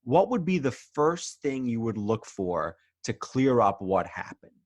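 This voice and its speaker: A man's voice: medium pitch, big pitch swings, a little slow, dry recording. A man hosting an interview podcast who works as a TV news reporter, asking conversational questions with some restarts.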